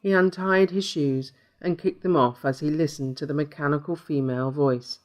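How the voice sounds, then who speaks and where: A man narrating a short horror story in a steady, measured way. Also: on the high side.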